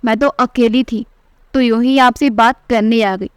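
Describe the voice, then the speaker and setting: A woman voicing a gentle, meek young new bride who speaks politely and apologetically. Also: a little high, fairly even intonation, unhurried, clean tone, dry recording, clean studio sound, close to an everyday voice. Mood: pleading.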